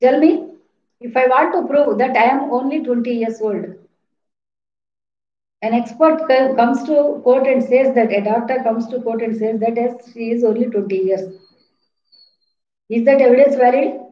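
Her voice fairly high and her pace moderate with long pauses, a fifties-aged woman with an Indian accent runs an online lesson, repeating herself and asking students questions. A far-off webcam or laptop mic in a small, bare room makes the audio roomy, echoey and flat.

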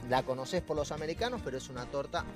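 High-voiced chatty cooking host. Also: male voice, animated, fast talker, music in the background. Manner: easygoing, chatty, talks to viewers while decorating. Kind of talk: casual chat and cooking demonstration. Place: TV studio kitchen.

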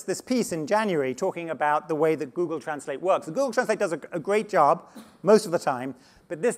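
A man giving a conference talk on slides, animated and often restarting words, speaking to a live audience. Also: fairly high pitch. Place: conference stage before an audience.

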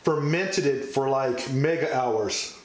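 Man, home baking vlog, tasting and humming, slow unhurried talk, echoey kitchen. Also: medium pitch. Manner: eats on camera while talking, with mouth full, many appreciative hums; chatty and self-deprecating. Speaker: home baker, channel host. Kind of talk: casual cooking vlog sign-off.

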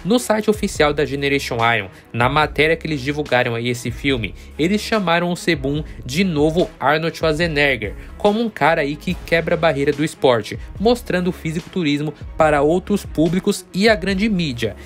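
A man's voice: fairly high pitch, lively intonation, moderate pace, few pauses, faint music behind. A Brazilian man hosting a bodybuilding news channel, narrating casually and speaking directly to his viewers. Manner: chatty, addresses viewers directly as friends.

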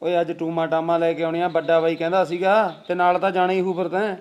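A man playing a younger husband in a village family who talks loudly and insistently, with a Punjabi village accent. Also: a little high, little pitch movement, quick pace, highs cut off, slight background noise, natural voice. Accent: Punjabi village speech. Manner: loud, insistent, arguing.

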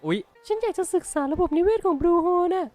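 Man putting on a high chatty young woman. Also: quick pace, dark tone, faint music behind. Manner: high falsetto, singsong reading of game dialogue. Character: young female biologist, chatty and bossy.

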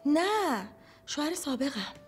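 A woman's voice: sits high, big pitch swings, a little hiss or hum. An actress playing a fearful, divorced young woman who confides hesitantly in her therapist. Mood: anxious. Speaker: therapy patient. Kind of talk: film acting.

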